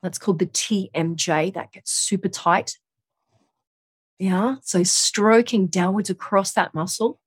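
A woman speaks like a yoga teacher, gently coaxing the listener through relaxation exercises. Her pitch sits in the middle for a woman, and the recording is dry and close. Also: steady tone, unhurried, breathy edge, dry recording. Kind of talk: guided relaxation instruction.

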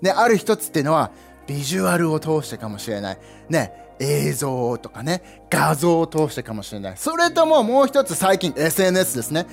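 A young male pastor delivers an animated sermon in a high, bright register. His pitch swings widely as he plays out little scenes and sound effects. Faint music sits beneath him. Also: a little fast, gravelly. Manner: animated, playful, with sound effects and asides to the congregation. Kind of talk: lively sermon.

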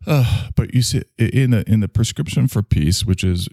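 An older man in his sixties rambles through a solo podcast, joking at his own expense. His voice is low and gravelly, and his pitch swings widely. The sound is dry and close. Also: lively intonation, normal speed, dark tone, dry recording. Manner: rambling, self-mocking, jokey. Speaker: podcast host.

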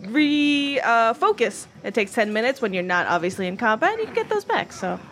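Animated laughing woman game master. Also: mid-range voice. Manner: animated and quick, laughs often. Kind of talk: running a live-streamed tabletop game.

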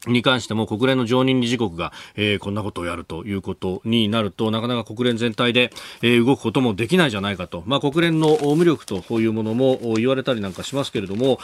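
A man hosting a radio news show, explaining the day's stories in a measured way with frequent filler pauses. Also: medium pitch. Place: radio studio.

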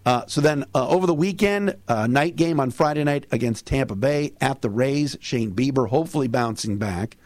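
Hoarse man hosting a sports podcast. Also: medium pitch, moderate pace, hardly any pauses, darkish tone, no echo. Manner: colloquial, punchy short sentences. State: hoarse, losing his voice. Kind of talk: casual baseball commentary.

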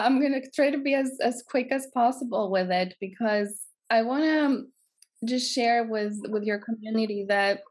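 A Greek woman of about forty, with a Greek accent and a voice on the high side, earnestly tells her life story as a podcast guest in an interview. She repeats phrases for emphasis.

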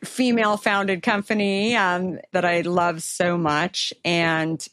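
A middle-aged woman hosts an interview podcast, introducing her guest in an effusive, filler-laden way. Her voice sits on the low side, and the recording is dry and close with no room sound. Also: little pitch movement, slow, fairly bright tone, no room sound. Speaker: podcast host.

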